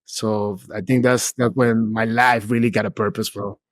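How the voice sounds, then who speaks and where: With a lowish voice and normal pace, a real estate investor in his 40s who grew up in Peru chats as a podcast guest in casual interview talk. He's relaxed and talkative, leaning on "dude" and "bro," and makes many restarts, recorded with no room sound.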